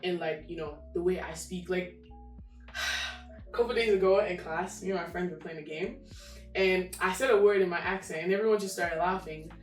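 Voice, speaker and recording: A teenage girl from Nigeria answering softly and hesitantly, with many fillers. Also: on the low side, moderate pace. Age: teens. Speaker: guest. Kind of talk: casual interview answers. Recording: roomy, distant mic, faint music.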